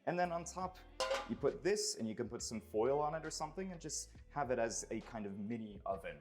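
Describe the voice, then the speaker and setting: A man's voice: medium pitch, animated, fairly quick, over music. A man presenting a property tour in a casual, explanatory way, with chatty asides as he goes.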